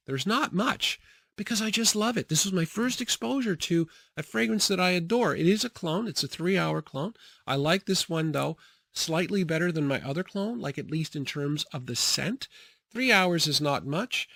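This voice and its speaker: A young man chatting casually about his fragrances, relaxed, with many fillers and frequent laughs. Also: fairly high pitch, moderate pace, vocal fry, no room sound, clean studio sound. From grew up partly in the Bahamas and Jamaica. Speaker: fragrance reviewer. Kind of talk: casual product review.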